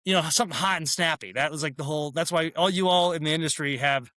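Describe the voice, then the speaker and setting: Guy with a bright, slightly high voice, rambly stories, lots of restarts, dry close sound. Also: no echo. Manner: rambling, self-correcting, quick laughs. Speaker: guest, head brewer and former radio DJ. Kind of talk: casual interview chat.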